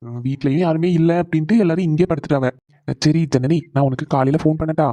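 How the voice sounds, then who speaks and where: A man voicing a caring husband in a cartoon, talking quickly and reassuringly. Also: fairly high pitch, fairly even intonation, warm tone, no room sound, close to an everyday voice. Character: caring husband on the phone with his wife. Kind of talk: animated cartoon voice acting.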